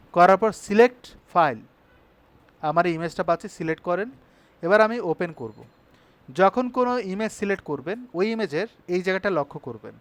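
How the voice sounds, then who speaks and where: A man with a high, light voice walks students through building a web page in a live online class. He talks briskly and keeps asking whether they are following. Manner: brisk, checks in with students often. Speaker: web design instructor.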